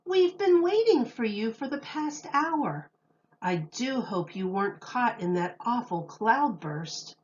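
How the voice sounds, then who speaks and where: A woman's voice: fairly high pitch, big pitch swings, slow pace, dull audio, slight background noise. A woman voicing a polite, sociable female giraffe hostess in a storybook, with genteel exclamations. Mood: delighted.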